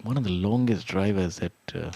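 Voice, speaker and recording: A man giving live golf commentary in a measured, hesitant way, pausing often as he goes. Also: sits low, gravelly, dark tone. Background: whirring drone blades, outdoor ambience.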